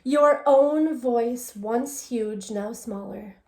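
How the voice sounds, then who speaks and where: An elementary English language development teacher reads a picture book to young children, expressive and deliberate, adding conversational asides and questions for them. Her voice is a little high with a darkish tone.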